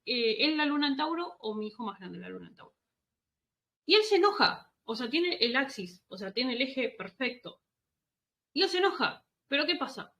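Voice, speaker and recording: A woman's voice: medium pitch, pushed and bright. A woman with a Rioplatense Spanish accent hosting a casual parenting conversation, chatty and rambling, laughing often.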